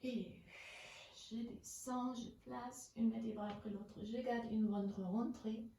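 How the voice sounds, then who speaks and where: A woman leading a pilates class, calmly counting reps and giving breathing cues. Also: a little high, slow. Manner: calm counting and breath cues, mixing in English phrases. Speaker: pilates instructor. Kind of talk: guided workout instruction. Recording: roomy, mic at a distance, faint background hiss.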